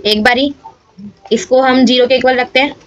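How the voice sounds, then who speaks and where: High-voiced woman teaching maths. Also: fairly even intonation, moderate pace, dull audio. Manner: explains steps aloud, checks in often. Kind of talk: step-by-step maths lesson.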